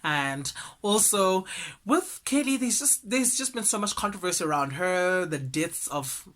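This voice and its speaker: Chatty South African celebrity news host. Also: male voice, sits high, unhurried. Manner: chatty, animated, gossipy asides. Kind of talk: casual celebrity news commentary.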